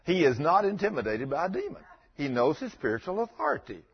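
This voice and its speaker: A man's voice: fairly high pitch, wildly swooping pitch, a little fast, breathy edge, muffled recording. A man preaching a folksy sermon, telling stories and bantering with his congregation.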